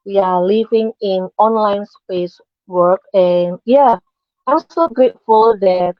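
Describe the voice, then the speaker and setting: A woman's voice: medium pitch, takes it slowly, dry recording, highs cut off. A woman from Indonesia, talking casually as a guest on a live online panel, hesitant, with many fillers and nonnative grammar. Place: at her workplace.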